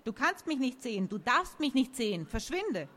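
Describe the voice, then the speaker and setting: A woman voicing a skinny, sulky male fool who protests in a high, agitated voice. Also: moderate pace. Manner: whiny and defiant, high and excited.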